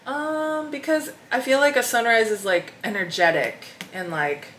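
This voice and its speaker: A young woman co-hosting a podcast in casual chat, relaxed and quick to laugh. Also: fairly high pitch. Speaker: podcast co-host. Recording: echoey room, faint noise.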